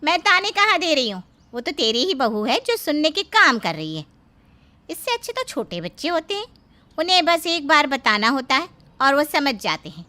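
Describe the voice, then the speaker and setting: A woman voicing a sharp-tongued, taunting middle-aged neighbor in an animated story. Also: high voice, normal speed, heavily acted. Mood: mocking. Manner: taunting, scornful.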